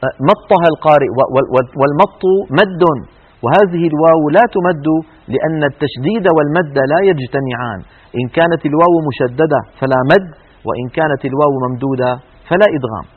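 A man gives a televised lesson on Quran recitation, explaining the rules rapidly in a fairly high voice. He breaks off to recite example words slowly and drawn out. The audio is thin and tinny, like a phone line. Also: breathy edge.

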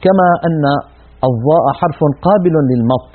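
Husky man teaching, tinny phone-line sound. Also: on the high side, expressive. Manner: measured and didactic, repeating sample syllables aloud. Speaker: Quran recitation teacher. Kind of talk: instructional lesson on letter articulation. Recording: tinny phone-like broadcast audio.

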